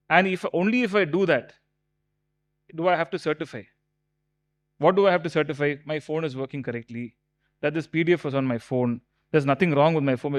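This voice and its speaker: A man giving a lecture to professionals, explaining slowly and emphatically with repeated examples. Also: fairly high pitch. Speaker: speaker at a tax law seminar. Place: hotel conference hall.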